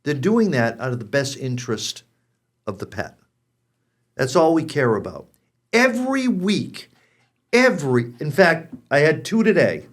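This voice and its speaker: A man's voice: fairly high pitch, big pitch swings, unhurried, pauses often. An American man in his sixties hosting a pet show, speaking conversationally and addressing the audience directly. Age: 60s. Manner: frank, direct address to viewers.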